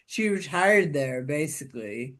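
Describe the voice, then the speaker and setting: Hosting a relaxed interview by video call, a woman from Pakistan muses her way through her points slowly, often restarting and saying "you know". She has a low, animated voice and works as an interviewer and show host.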